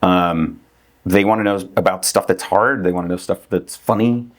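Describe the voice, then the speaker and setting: With a deep voice and a moderate pace, this middle-aged man, who works in real estate, chats as a podcast guest. He's conversational, leans on plenty of filler words, and laughs a lot.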